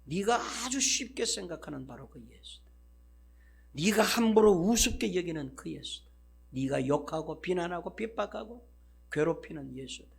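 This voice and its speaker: A preacher voicing Jesus, proclaiming. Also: male voice, on the high side, lively intonation, normal speed, gravelly, slightly rough, exaggerated voice. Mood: solemn. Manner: proclaiming, then solemn and hushed. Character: Jesus, a commanding male divine voice.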